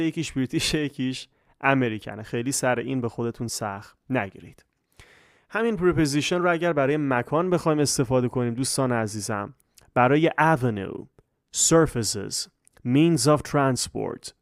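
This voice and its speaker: A man's voice: mid-range voice, smooth, no room sound. Male English tutor with a Persian accent, patient explainer, dry close recording. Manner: repeats check questions, slows down for English examples. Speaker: English teacher. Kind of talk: grammar lesson in Persian.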